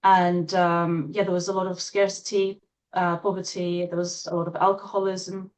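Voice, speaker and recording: A woman from Latvia, a guest in an interview, speaking in a thoughtful, hesitant way with many fillers and soft laughs. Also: on the low side, level tone, moderate pace, a little hiss or hum. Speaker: interview guest, trauma-informed coach. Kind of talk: casual interview chat.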